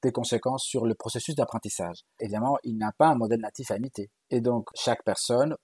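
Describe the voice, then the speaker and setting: A man's voice: medium pitch, fast talker, a little mellow, breathy edge, no echo. A middle-aged man from Galicia with a Spanish accent, speaking in a thoughtful, hesitant way with many fillers and restarts as a guest linguist. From Galicia, Spain. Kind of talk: conversational interview.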